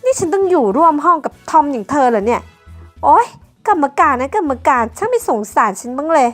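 A woman's voice: high-pitched, big pitch swings, brisk, soft background music. A woman voicing an arrogant, vain young woman contestant who talks in a haughty, bossy way.

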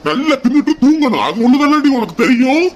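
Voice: high-pitched, very animated, brisk, lo-fi sound, heavy background noise. A performer voicing an angry middle-aged businessman father with a Kanyakumari Tamil accent, ranting about his losses. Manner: ranting and lamenting.

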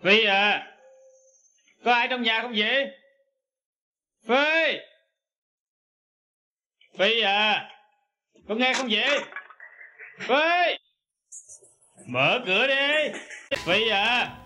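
A man dubbing a brash police detective who talks loudly and impatiently in a casual way, for a film. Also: medium pitch, a little fast, pauses often, lightly acted. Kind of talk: Vietnamese film dub.

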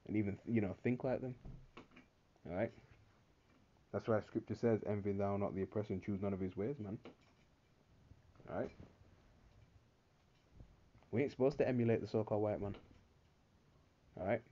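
A man with a lowish, warm voice moves at a moderate pace with long pauses, and the sound is lo-fi. He gives preachy religious commentary over a screen recording as he reads articles and scripture, repeatedly checking in with "all right?"

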